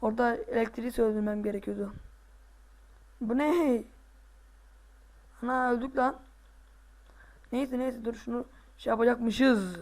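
A male gaming host giving casual let's play commentary, excitable, groaning and boasting to himself as he plays. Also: very high-pitched, a little slow, long pauses.

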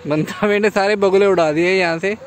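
A man's voice: high voice, fairly even intonation, a little fast. A young man filming on his phone outdoors in rural fields, chatting with a child and narrating what he films in a coaxing, casual way. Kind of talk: casual chat behind the camera. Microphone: handheld phone. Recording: loud outdoor noise.

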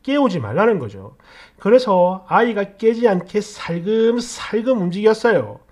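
A woman narrating a story read from an online post, in an expressive, complaining storytelling manner. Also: mid-range voice, normal speed.

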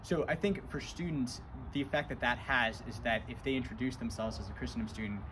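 Young man, earnest student guide, medium pitch, outdoor street noise behind. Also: fairly quick. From Virginia, USA. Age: young adult. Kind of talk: casual interview answers. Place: outdoors by chapel doors.

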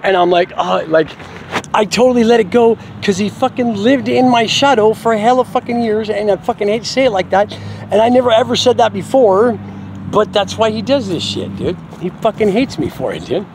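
A man's voice: high voice, expressive, normal speed, darkish tone, slight background noise. A middle-aged man venting in a rambling, profane monologue to camera, swearing constantly and laughing now and then. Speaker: vlogger.

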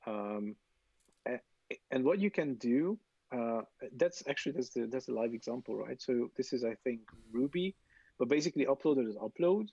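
A man guest explaining a software tool in a casual, hesitant way with fillers. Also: mid-range voice, animated, normal speed, slightly rough, no room sound, lo-fi sound. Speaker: guest developer advocate.

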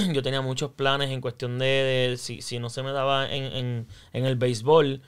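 A man's voice: medium pitch, normal speed, smooth. A young man from Puerto Rico with a Puerto Rican accent, chatting as a guest and telling his story, dropping English words into his Spanish. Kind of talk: casual interview storytelling.

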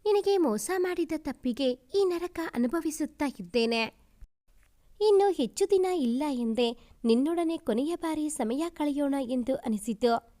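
A woman voicing a remorseful young woman who is gravely ill, read as a storybook letter in a soft, pleading tone. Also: high-pitched, expressive, unhurried. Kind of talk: storybook narration.

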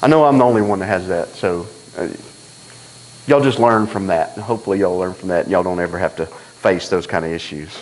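A man preaching a sermon in a church, telling stories in a folksy, animated way and acting out the dialogue. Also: low voice, brisk, a little hiss or hum, poor audio. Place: church sanctuary.

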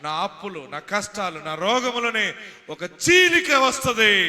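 A man's voice: medium pitch, long reverb tail. A man preaching a sermon and leading prayer in a fervent, rising voice with a Telugu accent. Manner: fervent, rising to loud exhortation, repetitive calls to pray. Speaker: pastor.

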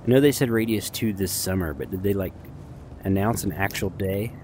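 A man's voice: sits low, moderate pace, a little mellow, a little hiss or hum. A man giving casual, rambling gameplay commentary as a video host, chatty, informal and self-deprecating.

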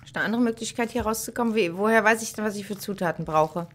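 A woman's voice: mid-range voice, fast talker. A middle-aged woman playing a horror game, thinking aloud in casual commentary on a headset mic. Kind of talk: casual let's play commentary.

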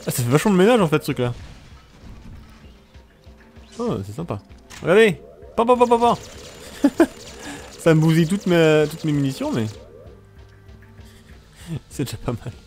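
Playful male let's-player, talks to viewers, swings up and down in pitch, soft music under him. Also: lively intonation, normal speed, pauses often. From France. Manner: joking, exclaims at the action, talks to viewers. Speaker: let's play commentator. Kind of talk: casual gameplay commentary.

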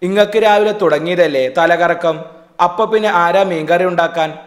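A playful, teasing teenage sister, as a man reads her in a storybook reading. The voice is a little high and plain. A roomy echo surrounds it. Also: moderate pace, natural voice. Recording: echoey room.

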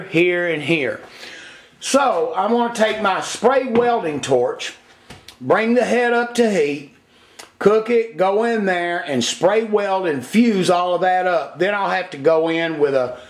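A man in his workshop giving a folksy, enthusiastic demonstration of cylinder head work, talking from behind the camera. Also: high voice. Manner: folksy, enthusiastic, plain-spoken.

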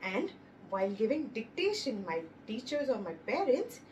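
Fairly high and very animated, with a slightly mellow tone, a woman teaches phonics slowly, sounding out each letter and stressing every word. She offers encouragement and praise, addressing the children as babies. The audio is dull and distant, with slight background noise.

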